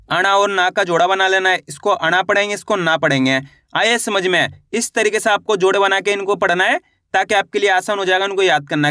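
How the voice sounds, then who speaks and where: A male teacher leading a patient beginner lesson on reading Hindi letters. He drills each sound, slows down on example words, and keeps checking that the learner follows. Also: high voice, bright, forceful tone, smooth, no room sound, studio quality.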